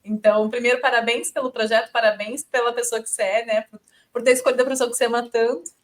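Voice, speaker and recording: A woman's voice: on the high side, flat delivery, fast. A woman hosting a podcast interview, friendly and chatty, with fillers as she talks. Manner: warm thanks, fillers, friendly. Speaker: podcast host.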